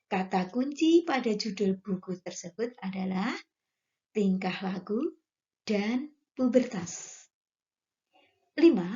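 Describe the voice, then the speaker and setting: A woman's voice: medium pitch, dark tone, lo-fi sound. A woman teacher, reading exercise questions aloud and then giving the answers. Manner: slow, careful, reads questions then gives answers. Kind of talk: slow classroom lesson, reading exercises aloud.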